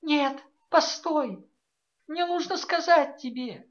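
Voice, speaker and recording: Audiobook casting: a woman voicing a teary young daughter, high and pleading, theatrical, slightly dull recording. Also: slow.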